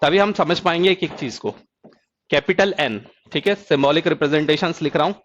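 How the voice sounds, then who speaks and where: A man teaching an exam-prep math lecture who keeps asking students if the point is clear and drawls key terms slowly. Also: fairly high pitch, lo-fi sound, slight background noise. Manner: asks students check questions.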